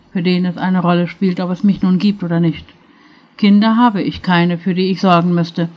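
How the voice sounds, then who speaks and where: A woman's voice: mid-range voice, lo-fi sound, natural voice. A woman voicing a lonely, sad divorced woman who speaks in a resigned, downcast way in a storybook reading.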